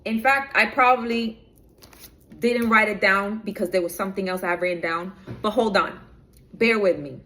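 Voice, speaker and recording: Speaking at a moderate pace with a medium-pitched, bright and forceful voice, a spiritual reader addresses her viewers directly. Her inspirational reading turns preachy and rambling, and she loses her place in her notes partway through.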